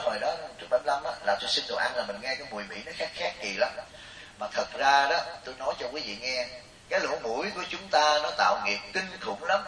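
A man's voice: mid-range voice, a bit bright. A middle-aged man giving a humorous Buddhist sermon, chatty and storytelling, often turning to ask his listeners questions. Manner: storytelling, chatty, keeps asking the audience questions. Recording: roomy, distant mic.

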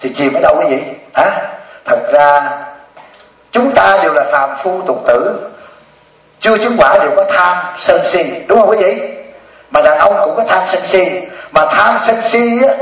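A man's voice: a little high, expressive, moderate pace. A man giving a humorous Buddhist dharma talk to an audience, laughing often and asking them questions. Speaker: Buddhist monk teacher. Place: hall before an audience. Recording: echoey distant lo-fi hall recording.

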